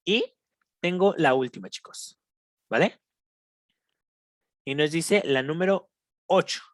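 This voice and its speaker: A teacher with a Mexican accent, patiently explaining English grammar in a recorded lesson, slowing down for each English example and checking in with the students. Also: medium pitch, dry recording, clean studio sound. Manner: switches between Spanish and slow English examples.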